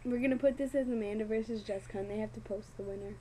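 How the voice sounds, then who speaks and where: A young woman chatting casually and jokingly to camera in a silly, excitable, giggly manner, as an amateur video maker. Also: medium pitch, rapid-fire, slight background noise, poor audio.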